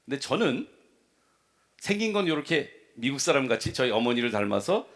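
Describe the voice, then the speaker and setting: A man in his fifties or sixties, a Korean-raised pastor, preaching a revival sermon with lively personal stories and slipping into English for quoted lines. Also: mid-range voice, normal speed. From South Korea. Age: 50s or 60s. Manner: animated storyteller acting out dialogue, mixing in English.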